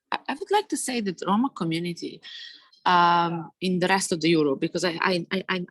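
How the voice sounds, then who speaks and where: A woman from Serbia with a Serbian accent, speaking on a webinar panel in a halting way with many fillers and restarts. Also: fairly low pitch, fairly bright tone, no echo. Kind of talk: webinar discussion. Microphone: video call.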